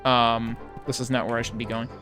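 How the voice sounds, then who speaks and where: A man's voice: mid-range voice, little pitch movement, a little fast, bright, forceful tone. A man giving casual gameplay commentary, thinking aloud in a critical, analytical way. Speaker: video game player and commentator. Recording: game music behind the voice.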